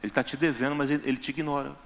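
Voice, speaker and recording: Man preaching in church, kinda gravelly, acts out little scenes as he talks. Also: medium pitch, level tone, very fast. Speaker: pastor. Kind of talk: sermon.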